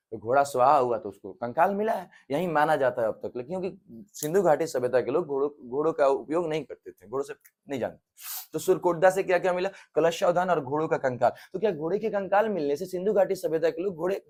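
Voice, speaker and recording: A man's voice: fairly high pitch, darkish tone. A male teacher giving an exam-prep history lecture. He talks in a colloquial, jokey way and keeps firing repeated questions back at his students. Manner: quizzes students with repeated call-and-response questions.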